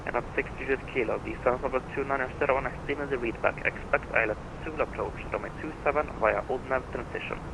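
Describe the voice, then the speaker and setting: Over a rumbling, noisy radio link, a man acting as an air traffic controller on a flight simulator network rattles off formulaic instructions. He talks fast with vocal fry and few pauses, his voice processed like a radio transmission.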